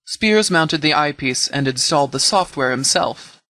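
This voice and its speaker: A man acts a commanding sheriff in a video game, his voice pitched a little above the usual male range and animated, bright and forceful. The scripted lines come in measured, formal, businesslike sentences with stern authority, like a shrewd negotiator setting terms. The recording is close and dry with no echo.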